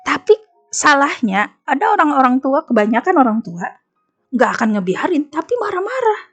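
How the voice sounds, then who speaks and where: A woman's voice: sits high, moderate pace, soft background music. A woman with an Indonesian accent, speaking as a guest on an Islamic women's talk show and telling stories with emphasis. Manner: emphatic, animated storytelling with acted quotes.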